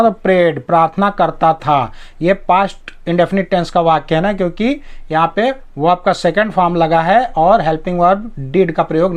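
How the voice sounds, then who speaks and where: Guy teaching english reading, super slow, kinda high voice, explains every word. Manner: reads English sentences very slowly word by word, then explains each word in Hindi; patient, repeats meanings and asks "na?" to check understanding. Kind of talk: Hindi-language English reading lesson.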